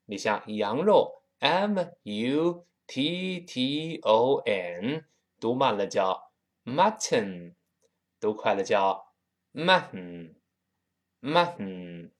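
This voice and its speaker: A man from Tianjin with a Tianjin accent, teaching a spoken English lesson and slowing down to drill each sound. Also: medium pitch. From Tianjin, China. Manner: lively, slows down to drill pronunciation.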